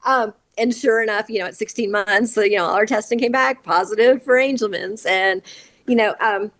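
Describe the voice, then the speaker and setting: Woman in her 40s, interview guest, candid and earnest, just talking it through, medium pitch. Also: brisk, a bit bright. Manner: earnest, candid, recounting at length. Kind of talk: conversational interview storytelling.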